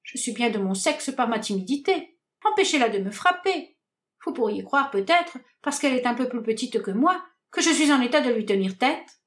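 A woman acts out a timid, lovesick young lady from a classic stage comedy. The voice is fairly high with very lively swings. She sounds prim, earnest and plaintive in a theatrical way. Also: normal speed, lightly acted. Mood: pleading.

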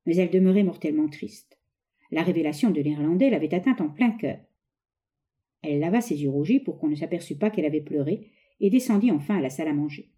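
Woman, audiobook narration, very mellow dark tone, measured expressive reading. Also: low-pitched. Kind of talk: scripted narration of a novel.

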